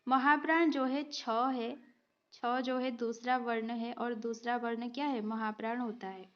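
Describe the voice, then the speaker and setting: A woman's voice: fairly high pitch, little pitch movement, a little slow, muffled recording. A woman teaching Hindi grammar, going through multiple-choice exam questions and explaining each answer patiently, step by step. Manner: patient, explains step by step, often adds a short "okay" check.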